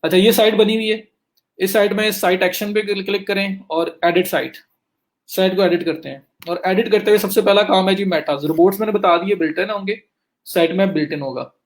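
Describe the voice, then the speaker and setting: Fast-talking man teaching a screen-share lesson. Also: high voice, fairly even intonation. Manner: talks students through clicks step by step, addresses them directly; says he is talking fast to cover more. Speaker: digital marketing instructor. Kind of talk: live screen-share lecture.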